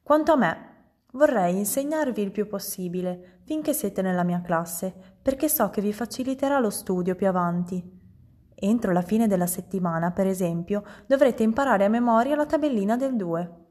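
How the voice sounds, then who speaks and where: A woman voicing a kind young female schoolteacher in an audiobook reading, with a bright, encouraging tone. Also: medium pitch, normal speed, lightly acted. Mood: instructive.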